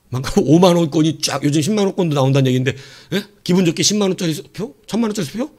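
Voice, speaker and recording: A middle-aged male pastor with a fairly high voice preaches a sermon, telling the story playfully with laughter and slipping into quiet asides.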